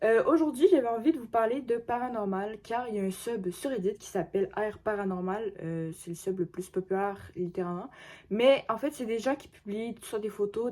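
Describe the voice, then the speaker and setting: A woman presents online photos in a relaxed, casual way, often stumbling over her words and circling back. Her voice sits at a middle pitch with a warm, mellow tone. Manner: hesitant, many fillers and restarts. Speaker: YouTuber presenting paranormal photos. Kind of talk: casual commentary over screen recording.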